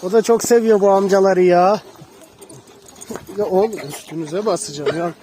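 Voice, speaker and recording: A man filming a casual vlog outdoors, calling to his dogs, switching between loud commands and soft praise. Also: sits high, moderate pace. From Turkey. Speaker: dog owner vlogger. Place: outdoors by a dog enclosure. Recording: noisy outdoor phone recording. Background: dogs and outdoor noise.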